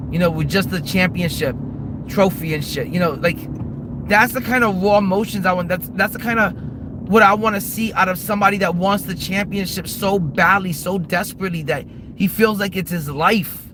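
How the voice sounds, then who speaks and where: A man chats loosely on a livestream while driving, rambling and repeating himself. His voice sits high. Clear car and road noise runs under him the whole time. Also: normal speed. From New York, Manhattan. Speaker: streamer. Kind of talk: casual live-stream chat. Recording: noisy car interior.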